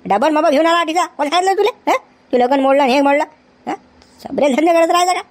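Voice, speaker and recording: A woman, playing a flustered middle-aged village uncle who scolds excitably. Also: high voice, quick pace, natural voice. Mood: scolding.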